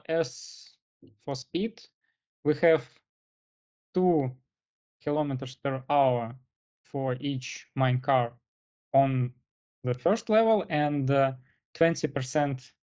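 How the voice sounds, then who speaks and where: Male case interviewer, formal and deliberate, unhurried pace with frequent pauses, medium pitch, dull lo-fi recording. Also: darkish tone, clean tone. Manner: deliberate, pausing often mid-sentence.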